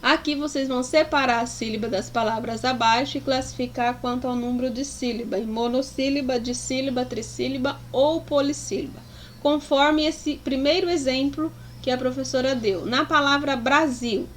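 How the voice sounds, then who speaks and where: A woman's voice: high-pitched, fairly even intonation, normal speed, slight background noise. A woman teacher explaining a lesson to pupils, affectionate and sounding out words syllable by syllable. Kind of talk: slow, deliberate classroom explanation.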